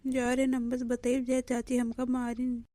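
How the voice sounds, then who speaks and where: A little Awadhi boy in a cartoon, voiced by a woman, whining and telling on his aunt. His voice sits fairly high, in a flat singsong, and the recording is close and dry. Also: normal speed, no room sound, close to an everyday voice. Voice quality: whining, tattling. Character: small whining village boy.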